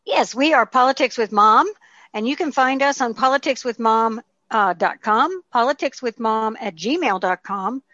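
A middle-aged woman with a fairly high voice chats about politics, filling her pauses with "um" and "you know." Her audio sounds a little dull and muffled, but dry and close. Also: bright, forceful tone, no echo. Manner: chatty, frequent fillers. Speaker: podcast co-host. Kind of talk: casual political chat.

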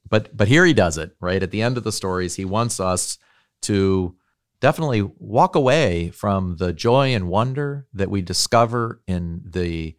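A man's voice: deep voice, dry recording, clean studio sound. A man who teaches at a university, giving a thoughtful lecture on literature and faith and often checking in with tag questions.

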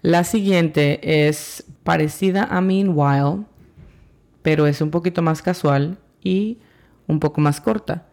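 A teacher giving a podcast language lesson who talks slowly and carefully, spells words out sound by sound, and repeats example phrases for practice. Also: mid-range voice, darkish tone. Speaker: English teacher.

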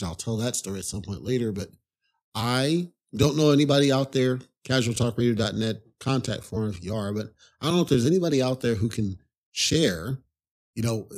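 Husky-voiced man telling a rambling story. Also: mid-range voice, a little mellow. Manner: rambling, conversational, frequent "you know" asides. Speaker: podcast host. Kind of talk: casual storytelling monologue.

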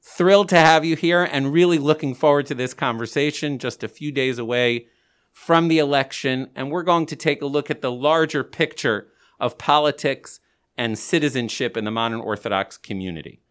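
A man hosts an interview podcast in a medium-pitched voice. He speaks through a face mask, so his words come slightly muffled. His delivery is that of a prepared presenter introducing and questioning a guest. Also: moderate pace, a bit bright. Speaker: podcast host. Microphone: podcast microphone, through a face mask.

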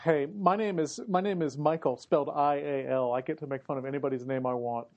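A man's voice: a little high, fairly even intonation, fairly quick, highs cut off. A man hosting a casual, joking podcast chat, sounding boxy as if inside a barrel on a built-in laptop microphone. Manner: joking, teasing. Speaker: podcast host; English professor. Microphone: embedded laptop microphone instead of headset.

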